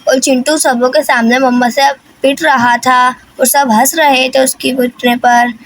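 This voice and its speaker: A woman's voice: high voice, level tone, a little slow. A woman narrating a children's moral cartoon story and spelling out its lesson.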